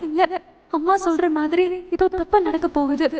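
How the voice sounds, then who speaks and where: Anxious young bride, high voice, inner thoughts, dull muffled sound. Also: female voice, fairly even intonation, normal speed, a little mellow. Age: young adult.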